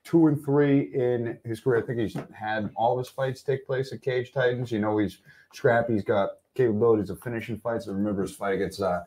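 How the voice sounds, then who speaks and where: A man's voice: medium pitch, fairly even intonation, fairly quick, darkish tone. Man, co-host, casual podcast chat, commentator-style rundown.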